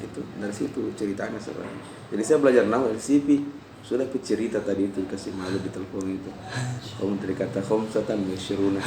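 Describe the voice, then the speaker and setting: A man teaching Arabic grammar to a class in Indonesian, telling stories between points and often checking that students follow. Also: creaky. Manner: digressive storyteller, drops his voice low, frequent checks "jelas?". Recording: roomy class recording from far off with faint noise.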